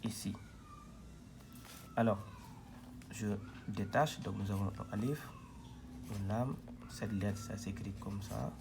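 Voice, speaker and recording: A man's voice: on the low side, slow pace, gravelly, pauses often, background noise. A man teaching a reading lesson at a board, patient and repetitive, spelling out syllables one by one.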